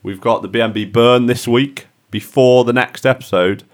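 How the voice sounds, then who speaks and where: A man's voice: mid-range voice, fairly even intonation, normal speed. A man co-hosting a crypto podcast, chatting casually and joking with friends. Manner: banterish, jokey, laughs often. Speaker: podcast co-host. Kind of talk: casual chat.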